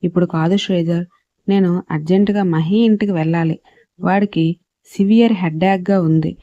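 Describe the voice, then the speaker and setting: A woman narrator voicing an anxious young male doctor who talks in a hurried, brisk way, on a dull lo-fi recording. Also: high voice, steady tone, dark tone, no room sound.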